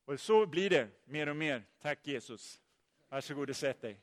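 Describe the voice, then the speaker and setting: A man preaching a sermon, telling the story in a lively way and putting questions to his listeners. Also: fairly high pitch. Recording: long hall reverb.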